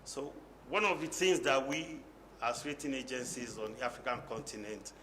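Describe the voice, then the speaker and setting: A man moderating a conference panel, speaking haltingly and often repeating words. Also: medium pitch, sharp tone. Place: conference hall. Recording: echoey conference hall, faint noise.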